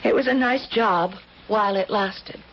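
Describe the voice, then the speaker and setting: An actress plays a timid, honest young working woman in a radio drama, sounding hesitant, earnest, defensive and uneasy. Her voice is medium-pitched and measured in pace, on a muffled, hissy old recording.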